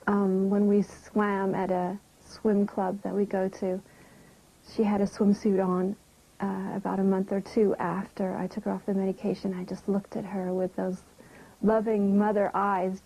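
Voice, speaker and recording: A middle-aged woman interviewed as a mother, speaking slowly and haltingly, with a breathy voice that often drops to a whisper. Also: medium pitch, dark tone. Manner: slow, halting, emotional. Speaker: mother interviewed about her children. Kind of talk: documentary interview. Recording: dull lo-fi recording.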